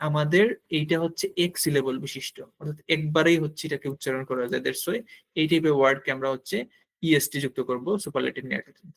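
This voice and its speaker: A man with a Bangladeshi Bengali accent teaching an online grammar lesson, explaining step by step, asking questions and answering them himself, pausing as he writes. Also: a little high. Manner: writes on a board while talking, with pauses and restarts.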